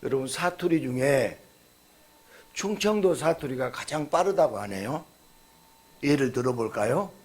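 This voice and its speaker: A man preaching a sermon as pastor, emphatic and folksy, with loud proclaiming exclamations. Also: mid-range voice, expressive, a little slow, pauses often. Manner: folksy, telling jokes to the congregation.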